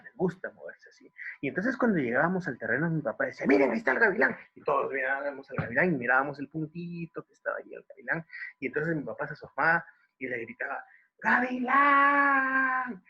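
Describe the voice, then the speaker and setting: A Guatemalan man, a writer, gently telling stories to children over a video call, asking them questions and repeating words for emphasis. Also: medium pitch, slightly rough, lo-fi sound. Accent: Guatemalan Spanish. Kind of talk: storytelling for children.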